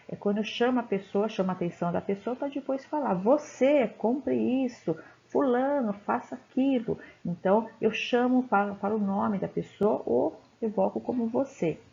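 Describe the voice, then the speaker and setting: Gravelly, warm-voiced woman teaching. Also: on the high side, fairly quick, few pauses. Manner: explanatory, checks in with "tá?" and "né?". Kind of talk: classroom lecture. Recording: dull, lo-fi recording.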